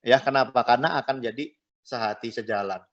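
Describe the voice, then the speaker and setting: A man's voice: medium pitch, fairly quick. A middle-aged man, a pastor, teaching a marriage class in a chatty way, tagging his phrases and mixing in English words. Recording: dull lo-fi recording.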